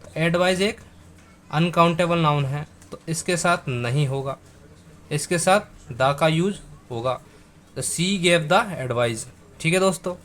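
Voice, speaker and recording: A man teaching a grammar lesson, going over words slowly and again and again, spelling them out letter by letter and speaking to viewers as friends. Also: on the high side, fairly bright tone.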